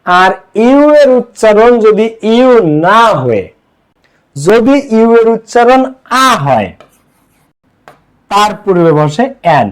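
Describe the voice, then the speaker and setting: Young Bangladeshi male tutor, high-pitched voice, Bangladeshi accent, quizzes the class and answers himself. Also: very animated, takes it slowly, pauses often, clean tone. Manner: asks the class questions and answers them himself. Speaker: English teacher. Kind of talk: online class lecture.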